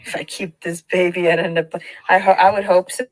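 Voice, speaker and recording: A woman's voice: lowish voice, flat delivery, a little fast, dry recording, low-quality recording. A woman speaking in an aggrieved, profane way, heard in a video clip whose playback skips and repeats her phrases. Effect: glitching playback that skips and repeats phrases.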